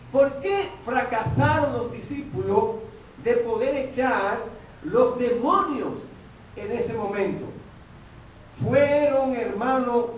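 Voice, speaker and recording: A man's voice: sits high, slight background noise. A male pastor preaching a sermon, often breaking off to address his listeners as brother. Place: church hall. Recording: echoey hall, mic far off.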